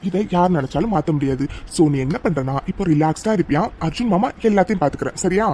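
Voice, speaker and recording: A playful, protective young man in an animated story, voiced by a performer, teasing and reassuring in a middle-pitched voice. A faint hiss of noise sits under his lines. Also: fast talker, natural voice. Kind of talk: animated cartoon story dialogue.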